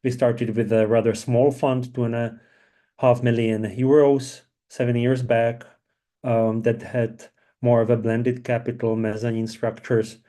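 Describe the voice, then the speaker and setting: The panelist, a middle-aged man in impact investing, joins a webinar over video call and talks casually, with frequent fillers like "um" and "you know." His voice is medium-pitched, dark and level, and his pace is measured.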